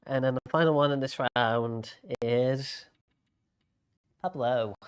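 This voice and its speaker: A bingo host calling a live game in a casual, unscripted way, with hesitant, halting delivery. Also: mid-range voice, clean tone.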